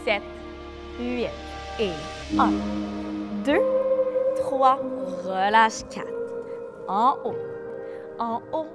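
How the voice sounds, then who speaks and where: Slow-counting woman dance instructor, reverberant. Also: a little high. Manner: slow, clear cue-calling with counts. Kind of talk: calling counts for a seated dance routine. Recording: long reverb with music behind. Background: music.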